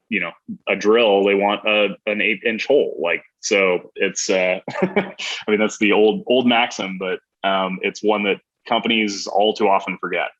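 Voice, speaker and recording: Man, casual podcast chat, lots of fillers, deepish voice, muffled recording. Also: a bit bright. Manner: chatty, many fillers like "you know" and "like". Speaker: marketing guest. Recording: muffled lo-fi audio.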